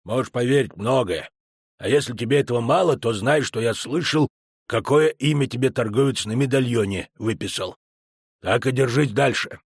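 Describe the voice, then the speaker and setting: A man's voice: mid-range voice, moderate pace, husky, no echo, clean studio sound. Man doing a blunt, knowing dwarf soldier.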